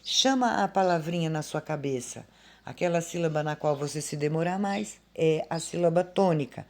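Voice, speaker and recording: A woman teacher with a Brazilian Portuguese accent explaining grammar to children in a slow, patient way, recorded on a phone at home. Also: low voice, slight background noise. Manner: slow, patient and explanatory, calling out words aloud. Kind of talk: remote grammar lesson for children.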